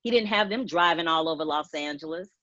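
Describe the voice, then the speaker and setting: A woman's voice: low-pitched, a little fast, pushed and bright, dry recording. An actress, upset and crying as she tells of being mistreated on set, speaking on a video call. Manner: earnest, upset, voice rising with emotion. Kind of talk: emotional personal account on a video call. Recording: dull lo-fi video call audio.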